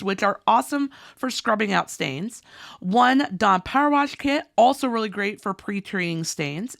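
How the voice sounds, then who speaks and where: Here a woman speaks in a mid-range, slightly bright voice with vocal fry. She's a couponing channel host going over deals while losing her voice, staying bubbly and chatty as she reads out items and prices in an upbeat, scripted way.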